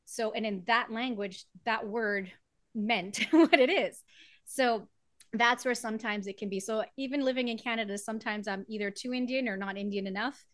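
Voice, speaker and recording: A woman's voice: on the high side, normal speed, fairly bright tone, dry recording. Woman from trinidad, singer guest, chatty, laughs a lot, dry close recording. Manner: chatty, laughs often while explaining. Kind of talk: casual interview conversation.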